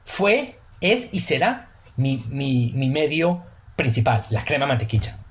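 A Colombian pastry chef, a native Spanish speaker with a Colombian Spanish accent, joins a casual podcast interview as a guest. His medium-pitched voice is very animated and a little slow, and he speaks earnestly, often repeating words while searching for them.

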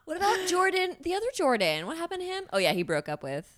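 Bright, giggly young woman cracking jokes. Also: very high-pitched, huge pitch swings, dry recording, clean studio sound. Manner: jokey, giggly, quick quips. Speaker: podcast co-host. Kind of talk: casual chat.

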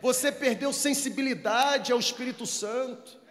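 Man, pastor, sermon, soft pleading to shouting, long hall reverb. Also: very high voice, normal speed. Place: church service, streamed online.

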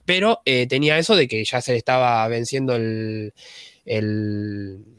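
A man's voice: medium pitch, unhurried, fairly bright tone, clean tone, no room sound, studio quality. A young man with an Argentine accent chatting casually with friends, rambling with many restarts and slang. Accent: Argentine Spanish. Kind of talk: casual chat among friends.

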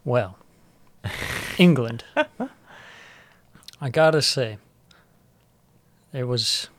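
A man's voice: medium pitch, very slow, fairly bright tone, dry recording. A man co-hosting a sports podcast, casually talking over soccer matches.

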